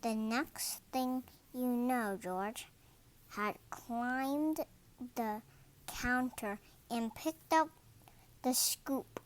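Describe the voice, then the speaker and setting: A young-sounding reader with a medium-pitched voice narrates a children's story aloud, going deliberately word by word.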